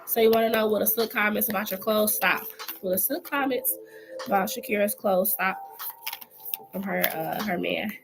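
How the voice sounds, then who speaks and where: A woman's voice: medium pitch, moderate pace, gravelly, over music, poor audio. A woman giving a live-streamed tarot reading, chatty and familiar, calling the viewer girl and honey. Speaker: tarot reader.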